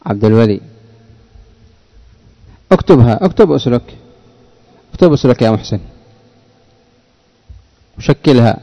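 A man's voice: mid-range voice, expressive, normal speed, long pauses, dark tone, lo-fi sound. A man teaching grammar in a classroom, explaining rules and quizzing students by name. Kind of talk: classroom lesson with questions to students.

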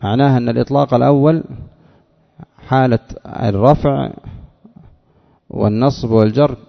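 A man teaching a grammar lesson, explaining a text in a measured way and repeating phrases to drive each point home. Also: medium pitch, vocal fry. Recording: dull lo-fi sound with long hall reverb.

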